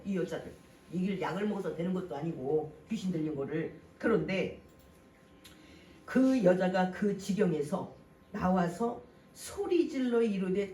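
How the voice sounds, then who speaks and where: An animated pastor preaching to a congregation, voice rising and dropping in lively swings of pitch and loudness. The sermon is picked up from some distance, so the hall rings around the voice. A faint wash of room ambience sits underneath. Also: a little hiss or hum. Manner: animated, rhetorical questions, swings between loud and soft. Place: church sanctuary.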